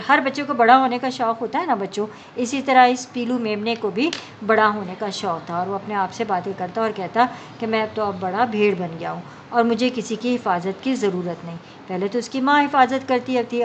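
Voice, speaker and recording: Woman teacher explaining a story slowly. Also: fairly high pitch. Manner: reads a line then explains it in simple words. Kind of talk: reading and explaining a story to young pupils. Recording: dull lo-fi recording with faint background hum.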